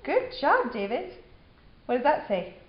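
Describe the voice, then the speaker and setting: A woman's voice: high-pitched, big pitch swings, unhurried. Encouraging mother drilling sight words. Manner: encouraging, patient, repetitive praise. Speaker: mother teaching her son sight words. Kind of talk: one-on-one reading drill. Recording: echoey room, slightly dull home video.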